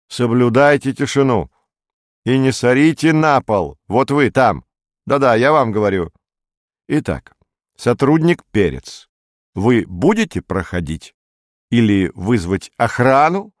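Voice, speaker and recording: A man's voice: fairly low pitch, very animated, slow, no room sound, studio quality, exaggerated voice. A man voicing a stern, bossy female secretary who talks in a raised, curt, commanding way in an audiobook.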